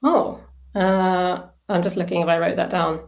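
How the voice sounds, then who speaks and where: A woman facilitates an informal online wellbeing workshop on self-soothing, chatting conversationally, thinking aloud and putting questions to her listeners. Her voice sits on the low side and sounds creaky, with little pitch movement and a measured pace.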